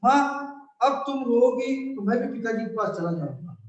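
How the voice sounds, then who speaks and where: A man's voice: very high voice, animated, normal speed, a little mellow, muffled recording. A man voicing an innocent young boy who keeps asking his mother questions in a pleading way. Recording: echoey room, distant mic.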